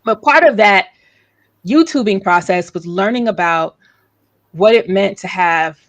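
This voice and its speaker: A woman's voice: medium pitch, lively intonation, a little slow, no room sound. A woman hosting a livestream discussion, talking casually with many fillers and restarts.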